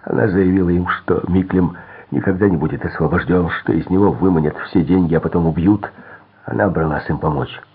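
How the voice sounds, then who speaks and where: A man reading an audiobook, voicing a whiny, cowardly henchman in a higher, louder, plaintive voice. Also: a little fast, breathy edge. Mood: whining. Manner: whining, pleading. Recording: tinny phone-like sound.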